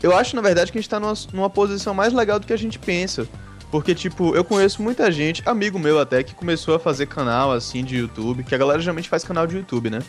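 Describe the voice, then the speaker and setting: A man's voice: high voice, fast, soft background music. A man with a Brazilian accent chatting casually on a podcast, explaining things in an easygoing way. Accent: Brazilian Portuguese. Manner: easygoing, explains with filler "tipo". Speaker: podcast guest, site team member.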